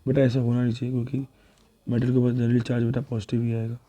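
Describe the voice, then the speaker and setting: A man's voice: mid-range voice, little pitch movement, fast talker, dark tone. A man teaching a chemistry revision lesson, talking students through worked examples step by step and correcting himself as he goes. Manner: talks students through worked examples, calls them beta; thinks aloud and corrects himself.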